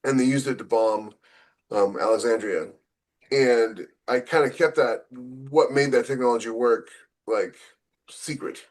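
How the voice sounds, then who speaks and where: A man with a lowish voice co-hosts a podcast as a science fiction author, explaining things casually and scattering "you know" throughout his talk.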